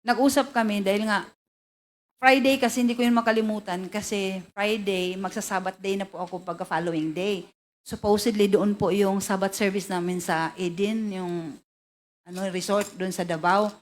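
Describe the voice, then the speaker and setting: A woman giving formal testimony as a witness in a hearing room, halting and polite, with many fillers. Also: medium pitch, fairly even intonation.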